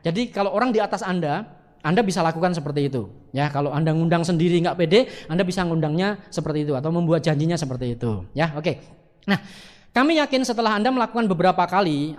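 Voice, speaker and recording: A man's voice: on the high side, quick pace. A man teaching a training lesson, addressing his audience directly and acting out sample phone calls in a lifted voice. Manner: acts out quoted phone calls in a raised voice. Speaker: network marketing trainer. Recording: long hall reverb.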